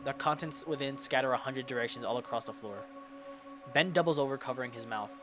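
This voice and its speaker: A man's voice: mid-range voice, fast, over music. A man reading a visual novel aloud as he plays, stumbling and correcting himself now and then. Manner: reads with self-corrections and muttered swearing. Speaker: game player narrating.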